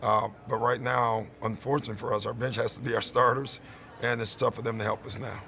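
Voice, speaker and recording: Gravelly-voiced man fielding press questions. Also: mid-range voice, little pitch movement, fairly quick, sharp tone. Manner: candid, conversational, peppered with "you know" and "listen". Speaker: head coach. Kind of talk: postgame press conference answers.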